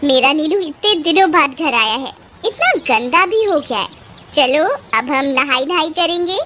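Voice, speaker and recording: A woman's voice: high voice, animated, measured pace, sharp tone, a little hiss or hum, full character voice. A woman voicing a doting, emotional farmer's wife in a cartoon, fussing and wailing over her dog. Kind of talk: Hindi cartoon voice acting.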